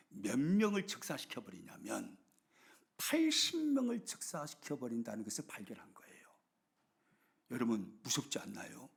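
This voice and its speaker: A middle-aged man preaching a sermon. His voice sits fairly high and gravelly, with a husky edge. He swings from forceful emphasis down to hushed whispers, and his pitch rises and falls widely. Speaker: pastor.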